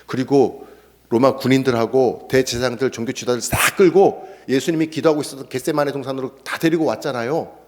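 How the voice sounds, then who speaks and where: A man's voice: medium pitch, a little fast. A male pastor preaching an expository sermon, acting out the scripture voices. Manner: animated, acts out scripture quotes. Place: church sanctuary. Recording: echoey church hall.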